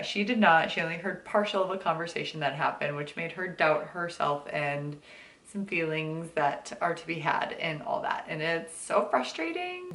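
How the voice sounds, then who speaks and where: A woman's voice: lowish voice, a bit bright, echoey room. A bubbly, chatty young woman vlogging casually about her reading, with slangy asides. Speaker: book vlogger. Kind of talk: casual vlog chat. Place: home, indoors.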